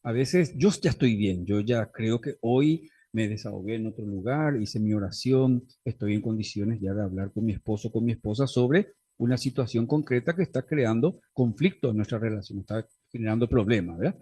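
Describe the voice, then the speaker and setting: Warm and husky, with a fairly low pitch and a normal pace, this man leads a faith-based class about family conflict. He teaches conversationally, constantly tossing in tag questions to check in with his listeners.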